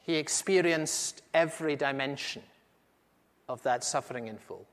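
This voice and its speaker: Male actor as an aged apostle eyewitness, slightly high voice, earnest storytelling, reverberant hall. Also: moderate pace, close to an everyday voice. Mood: solemn. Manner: earnest, intimate storyteller with dramatic swells. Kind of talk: first-person dramatic monologue. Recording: echoey hall with long reverb.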